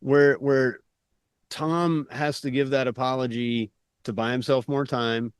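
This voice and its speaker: A man's voice: medium pitch, unhurried, clear, resonant tone, no echo, studio quality. Rambling man recapping a movie. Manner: rambling, lots of "like" and restarts, animated retelling. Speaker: podcast co-host. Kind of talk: casual film discussion.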